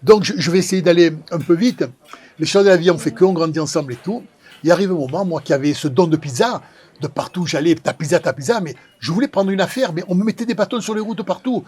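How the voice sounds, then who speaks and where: A man with a sing-song Marseille accent tells his own story with big emotion and lots of repetition. His voice sits a little high and sounds husky. He builds the drama of every moment. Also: quick pace. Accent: Marseille, southern French. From Marseille, France. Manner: dramatic, animated, repeats phrases for effect. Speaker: pizza maker telling his life story.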